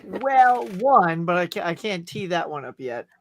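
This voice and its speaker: A man chatting casually on a panel in an enthusiastic, somewhat halting way. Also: high voice, very animated, fairly bright tone. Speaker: award show panelist. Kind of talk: casual chat.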